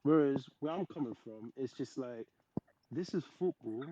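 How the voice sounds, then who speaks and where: Mellow-voiced man explaining his view. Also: medium pitch, animated, a little hiss or hum. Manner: measured, explaining. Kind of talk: heated casual debate. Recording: muffled online voice chat.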